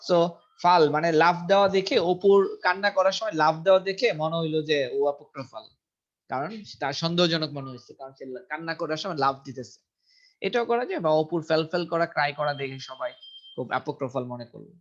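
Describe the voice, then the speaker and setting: A man's voice: on the high side, fast. A man teaching English vocabulary in a casual lesson, repeating each word several times and checking pronunciation aloud. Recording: dull lo-fi recording.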